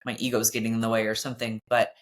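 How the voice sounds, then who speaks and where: A woman's voice: a bass voice, level tone, very fast. A woman hosting a podcast, talking candidly and reflectively with her husband, often speaking to women listeners. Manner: chatty with many fillers. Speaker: podcast host.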